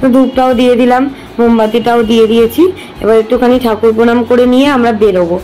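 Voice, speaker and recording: A woman's voice: a little high, fairly even intonation, fast talker, mellow, rough recording. A young woman and mother chatting casually to her viewers in a family vlog. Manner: chatty, addresses viewers directly. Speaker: vlogger and mother of twin boys.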